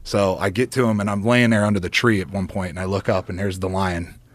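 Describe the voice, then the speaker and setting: Profane, animated man telling a story. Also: low voice, quick pace, no room sound. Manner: profane, excitable storyteller acting out quotes. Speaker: podcast guest.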